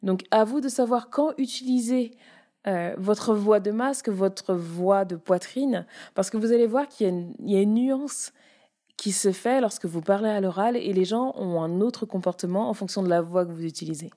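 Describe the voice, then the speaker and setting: A woman's voice: mid-range voice, a little fast, mellow. A young woman giving a casual spoken lesson on voice, demonstrating chest, mask and head voice as she explains. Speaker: voice and public speaking coach.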